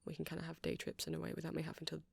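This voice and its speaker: A man with a fairly high, monotone voice plays a shy, earnest, nerdy vampire who runs a music shop in an ASMR roleplay, fully in character. He talks rapid-fire with vocal fry and slight roughness, hesitant, rambling and stammering, sounding shy and nervous. The recording is dry.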